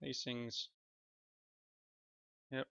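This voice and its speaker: Very slow and flat, this medium-pitched voice is gravelly yet smooth, pushed and bright, and recorded dry. A let's play host coming down with a cold rambles and corrects himself through casual gameplay commentary, with faint music under slightly dull lo-fi sound.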